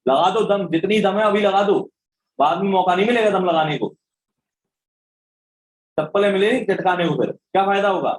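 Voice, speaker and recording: A man's voice: sits high, normal speed, long pauses, rough recording. A man teaching an online reasoning class, spelling out letters one by one and scolding students who make mistakes. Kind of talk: online class teaching, mixing Hindi and English.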